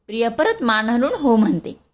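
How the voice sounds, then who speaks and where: A woman storyteller narrating a serialized family story in a steady, plain way. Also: a little high, brisk.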